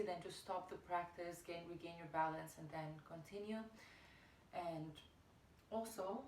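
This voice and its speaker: Woman, yoga teacher, halting reflective explanation, mid-pitched voice, roomy echo. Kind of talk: instructional explanation of a breathing practice. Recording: echoey room, distant mic, faint noise.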